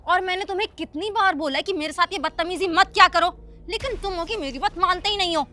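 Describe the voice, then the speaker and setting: A woman's voice: very high-pitched, fast talker, sharp tone, slight background noise. A woman acting as a hot-tempered wife in a short drama, scolding her husband and later begging him to stay. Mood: angry scolding. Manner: scolding, then pleading. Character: hot-tempered young wife, proud then pleading. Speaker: angry wife. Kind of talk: scripted web short drama.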